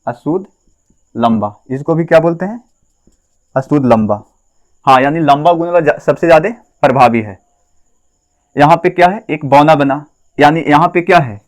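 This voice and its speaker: A man teaches a class at a board. He keeps asking the class questions, answers them himself and repeats each key term. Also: on the high side.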